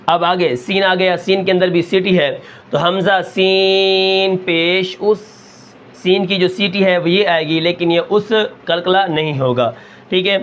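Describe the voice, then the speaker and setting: A man with a Pakistani Urdu accent teaching Quran reading, drawing out each example syllable slowly and then asking and answering his own questions. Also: high voice, fairly bright tone, slight background noise. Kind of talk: slow drilled lesson with rhetorical questions.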